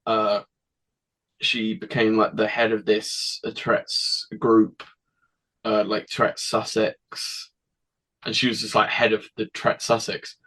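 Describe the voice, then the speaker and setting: A teenage boy, a guest telling his story in a rambling, halting way with frequent restarts. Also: lowish voice, completely flat delivery, a bit bright, poor audio. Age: teens. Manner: rambling, halting, with many restarts and acted quotes. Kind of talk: casual interview storytelling.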